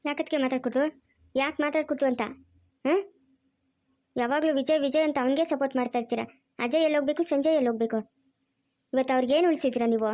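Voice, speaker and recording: A woman portrays a defiant young wife who fires back pointed questions. Her voice is high and sharp. This is a family home drama. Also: steady tone, fast, long pauses, close to an everyday voice. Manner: argumentative, challenging questions. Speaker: daughter-in-law. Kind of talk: amateur family drama acting.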